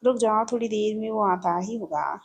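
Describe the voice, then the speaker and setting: A woman's voice: mid-range voice, normal speed, breathy edge, dull audio. A woman voicing a strict, commanding middle-aged mother-in-law in a read-aloud family story. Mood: stern. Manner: bossy, commanding.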